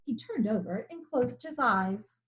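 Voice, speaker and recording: A woman narrating a children's picture book aloud in an expressive storytelling way. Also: a little high, a little slow. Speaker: storybook reader.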